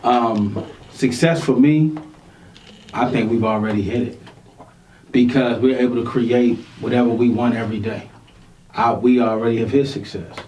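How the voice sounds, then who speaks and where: A man's voice: mid-range voice, steady tone, normal speed, long pauses, a little mellow, echoey room. A man co-hosting a radio talk show, chatting in an easygoing, agreeable way. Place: radio studio. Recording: mic at a distance, faint hiss.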